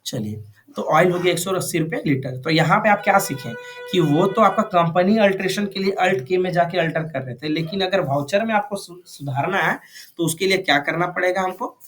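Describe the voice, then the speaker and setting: This man teaches a computer course to a live class and keeps checking understanding through frequent questions. His voice sits high with a fairly bright tone, and he talks a little fast.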